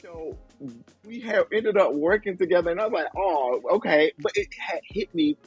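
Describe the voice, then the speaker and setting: Casting: male podcast host, slightly high, husky voice, effusive storyteller, dull lo-fi sound with faint music. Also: moderate pace. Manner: gushing, animated storyteller. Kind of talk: casual chat.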